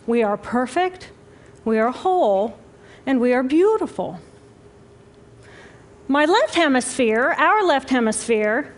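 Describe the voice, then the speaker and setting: High-voiced woman giving a lecture. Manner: slow, deliberate, emphatic phrasing with pauses. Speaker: brain scientist giving a talk. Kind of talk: public lecture.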